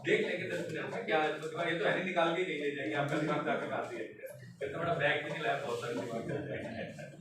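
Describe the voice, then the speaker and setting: A man lecturing to a live audience, asking questions as he goes. His voice sits slightly high and sounds distant from the microphone. The hall is heavily echoey, with clear noise underneath. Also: little pitch movement, rapid-fire. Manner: interactive, quizzing the audience. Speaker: lecturer leading a memory workshop. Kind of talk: live classroom talk.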